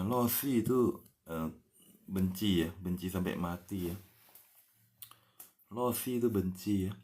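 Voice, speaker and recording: A man giving a casual language lesson, patiently explaining words and spelling them out letter by letter, ending many phrases with a soft "ya". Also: on the low side. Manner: frequent tag "ya" after phrases. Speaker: language teacher.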